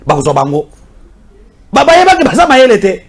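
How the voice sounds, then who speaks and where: A Congolese political commentator speaks briskly in a very high, slightly rough voice whose pitch swoops wildly. Mixing French and Lingala, he argues heatedly and insistently with many repetitions.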